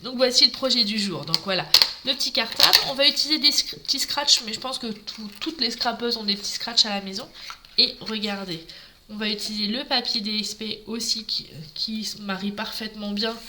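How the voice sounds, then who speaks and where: A woman's voice: a little high, fairly quick, background noise. A woman from Normandy leading a live papercraft tutorial, chatting and greeting viewers by name as she works at her craft table. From Normandy, France. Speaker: craft demonstrator.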